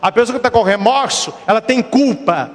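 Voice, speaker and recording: A man's voice: extremely high pitch, normal speed, in a large hall. A man, a priest giving a sermon with rhetorical questions and emphatic repetition.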